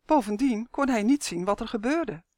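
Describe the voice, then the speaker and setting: Woman narrator, children's storybook, expressive, dry close sound. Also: a little high, normal speed, no room sound. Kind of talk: storybook reading.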